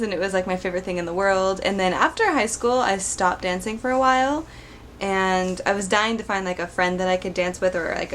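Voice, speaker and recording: A woman's voice: mid-range voice, slight background noise. A young woman in her twenties from Arizona, chatting bubbly and giggly in a casual Q&A vlog, close to the camera mic. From Arizona, United States. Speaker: vlogger. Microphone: camera mic at close range.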